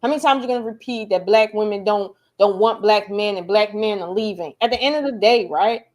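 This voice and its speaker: A woman hosting a casual reaction chat, talking in a blunt, profane and animated way. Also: medium pitch, a little fast. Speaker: host.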